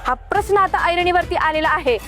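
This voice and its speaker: An actress playing a TV reporter who reports dramatically. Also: female voice, very high voice, brisk, faint music behind. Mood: dramatic. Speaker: TV news reporter.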